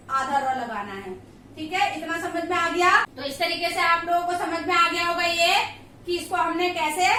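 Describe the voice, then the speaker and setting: A woman's voice: very high voice, bright, forceful tone, heavy reverb, far from the mic, a little hiss or hum. A woman teaching grammar, patiently repeating sounds and asking checking questions. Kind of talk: classroom lesson.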